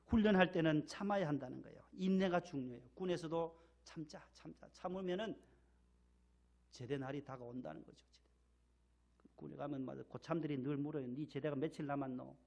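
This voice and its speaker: Preaching in a church sanctuary, a Gyeongsang-born Korean pastor uses a fairly quick, creaky voice that sits on the high side with a darkish tone. His delivery is emphatic, with key words repeated and call-and-response led from the pulpit.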